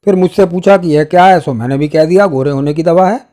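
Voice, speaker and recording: A man's voice: a little high, fast talker, dark tone, close to an everyday voice. A man voicing a cheeky, eager boy in a storybook reading.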